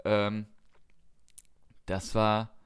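A man's voice: lowish voice, level tone, drawn-out words, smooth. A man co-hosting a casual podcast, chatting about darts in a rambling way, often correcting himself and listing results at length. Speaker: podcast co-host.

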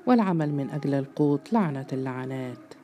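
A man voicing a weary young male laborer who is bitter and mocking, read in a storybook with mellow tone. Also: medium pitch, lively intonation, quick pace, a little hiss or hum, lightly acted. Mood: brooding. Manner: brooding, mocking.

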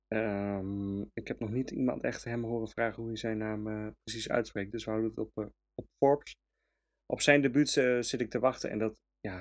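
A man from the Netherlands giving an opinionated, emphatic match review as a fan podcast host, with frequent hesitations. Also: mid-range voice. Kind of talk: casual match review monologue.

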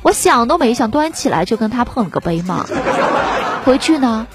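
A young woman telling jokes on air, with a lively delivery, often laughing and acting out voices. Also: fairly high pitch, moderate pace, over loud music. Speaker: comedy storyteller.

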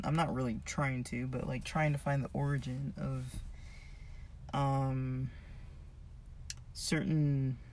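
Someone whose voice is giving out, talking casually and unscripted about a book, hesitant and thinking aloud. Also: mid-range voice. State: losing voice, voice giving out. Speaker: reader discussing a self-help book.

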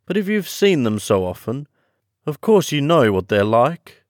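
Man playing old male turtle creature, storybook, melancholy, huffy, ponderous, raised pitch, swooping intonation. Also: sing-song, measured pace, dry recording, clean studio sound. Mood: explaining. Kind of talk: children's storybook character voice.

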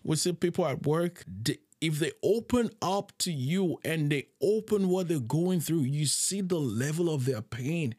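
Earnest man, halting faith reflection. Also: on the high side, darkish tone. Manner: earnest, halting, repeats words as he searches for them. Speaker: podcast host. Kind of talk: reflective solo talk about faith. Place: living in Japan.

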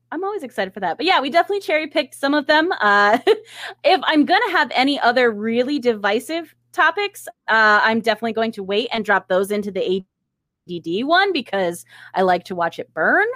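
Woman podcast co-host, high-pitched, giggly and eager, dry close recording. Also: sing-song, fairly quick, a bit bright, dry recording. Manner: enthusiastic, giggly. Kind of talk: casual chat.

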